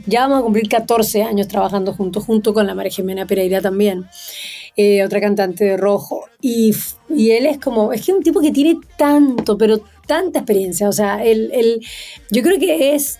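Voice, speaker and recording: A woman's voice: mid-range voice, mellow. A woman from Chile and Venezuela, a singer and TV presenter chatting as a guest in a casual interview. She is talkative, spontaneous and laughs often.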